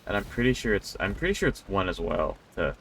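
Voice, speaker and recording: A game streamer gives casual live commentary, thinking aloud as he plays, in a low, gravelly, slightly bright voice that moves quickly with a sing-song lilt. The low-quality recording has slight background noise, with faint video game music playing behind him.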